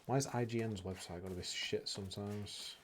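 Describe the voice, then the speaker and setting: A man commenting casually over a game stream, thinking out loud as he plays. His voice sits a little low. Now and then he mutters guide text quietly to himself. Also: fairly even intonation, fairly quick, slight background noise. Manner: chatty, thinks aloud, reads guide text under his breath.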